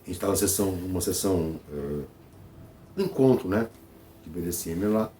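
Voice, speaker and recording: A man's voice: deep voice, moderate pace, dark tone, slight background noise. A man with a Brazilian Portuguese accent hosting his channel in a casual vlog monologue, talking conversationally, repeating phrases and checking in with his listeners. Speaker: channel host.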